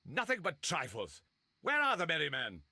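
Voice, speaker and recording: A haughty, imperious gentleman from a video game. His voice is husky and very sharp, swinging widely in pitch as he commands and dismisses, recorded dry. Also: wildly swooping pitch, normal speed, no echo, heavily acted. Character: imperious, dismissive gentleman, detective's elder brother.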